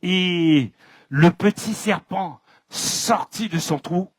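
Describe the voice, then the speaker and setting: A man with a French Caribbean accent telling folk tales live, in a lively, dramatic way that speaks straight to the audience. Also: high-pitched, slow, breathy edge, no echo. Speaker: storyteller.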